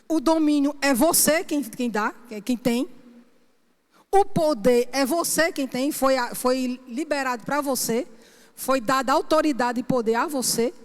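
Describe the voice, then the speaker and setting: A woman's voice: high voice, a little slow. A woman minister from Brazil, preaching an emphatic sermon and often asking the congregation "Amém?". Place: church sanctuary. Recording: long church-hall reverb.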